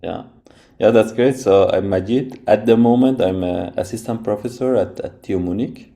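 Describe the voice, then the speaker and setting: A man's voice: on the low side, moderate pace, vocal fry, warm tone. A man from Iran, a robotics professor, talking through his background as a podcast guest, thoughtful and full of restarts. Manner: thoughtful, many restarts and "right?" tags. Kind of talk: casual interview talk.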